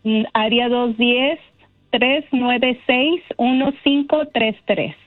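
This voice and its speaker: High-voiced woman on a tinny phone line. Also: slow, no echo, soft background music. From born in Texas, raised in northern Mexico. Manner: chatty and cheerful, laughs often. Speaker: phone-in guest, bridal shop owner. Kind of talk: casual radio interview. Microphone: telephone.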